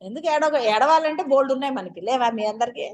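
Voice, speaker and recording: A woman with a high voice leads a spiritual discourse. She keeps posing rhetorical questions and talks straight to her listeners. Her manner stays chatty and coaxing. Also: animated, quick pace, a little mellow. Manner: addresses listeners directly. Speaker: spiritual teacher.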